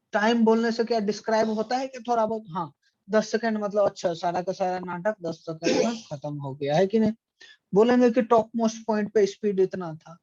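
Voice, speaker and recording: A man's voice: sits high, a little mellow, dry recording. A man teaching an online physics class, asking the students questions and answering them himself. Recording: dry, dull lo-fi audio.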